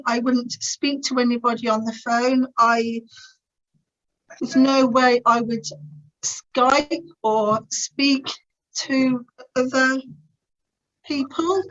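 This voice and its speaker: A woman in her fifties, speaking at an online conference from home over a video call, gives a personal talk in a high, steady, slightly bright voice. She talks very slowly and stammers, with frequent repeated sounds and blocks. The call audio sounds dull and muffled.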